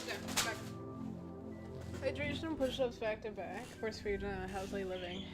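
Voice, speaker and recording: A woman's voice: medium pitch, moderate pace. A woman streamer reading a story aloud in narration, with casual asides. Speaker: streamer host. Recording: prominent music under the voice. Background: music.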